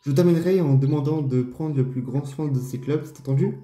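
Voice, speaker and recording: A man's voice: fairly high pitch, mellow, lightly acted. A man reading aloud as a stern golf club official. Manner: reads on-screen game dialogue aloud, slow and deliberate. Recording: roomy echo, faint game music.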